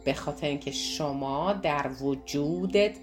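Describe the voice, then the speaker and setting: A woman teaches a self-development course in a lowish voice, pressing her points by repeating phrases. She speaks directly to her listeners as if they were her class. Faint music plays underneath. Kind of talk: teaching talk to a course audience.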